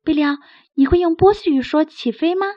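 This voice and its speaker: A woman's voice: high-pitched, a little fast, no room sound, pitched above the performer's own voice, natural voice. A woman voicing a cheerful, encouraging young chick in a children's story. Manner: encouraging, lively. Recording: dry, slightly dull recording.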